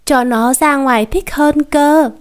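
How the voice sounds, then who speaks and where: A woman's voice: high voice, slow pace, voice pushed up. A woman voicing a small, spoiled young boy who whines and pleads with his mother. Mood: whiny. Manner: whiny and pleading.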